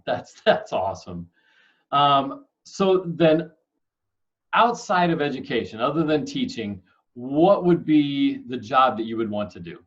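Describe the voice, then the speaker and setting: A man's voice: medium pitch, very animated, a little slow, highs cut off. A young man hosting a casual interview for kids, friendly and upbeat with joking asides. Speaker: host, school staff member.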